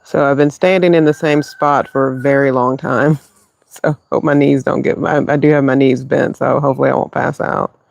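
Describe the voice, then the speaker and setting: A man quietly talking through a live stream from his backyard, speaking softly and haltingly on purpose. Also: medium pitch, steady tone, vocal fry, no room sound. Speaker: livestream host. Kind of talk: hushed live-stream chat. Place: backyard, outdoors. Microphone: phone mic.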